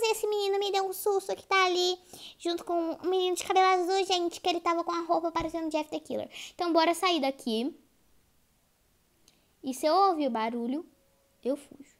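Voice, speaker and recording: A woman giving live gameplay commentary as a YouTuber, jumpy and easily frightened, shrieking at scares and constantly talking to her viewers. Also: very high voice. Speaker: gaming YouTuber.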